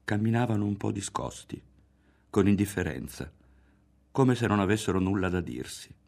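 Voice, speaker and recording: A man reading a literary novel aloud in a measured, expressive way, often dropping to a hushed tone. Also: lowish voice, creaky. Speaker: audiobook reader. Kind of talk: literary audiobook narration. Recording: faint music underneath.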